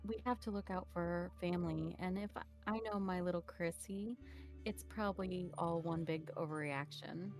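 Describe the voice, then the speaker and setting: A woman voicing a sleepy, worried partner woken in bed, speaking softly in a game read-through. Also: on the low side, fairly even intonation, moderate pace, faint music behind, close to an everyday voice. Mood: relieved. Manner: drowsy, soft, concerned. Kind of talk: reading game dialogue aloud.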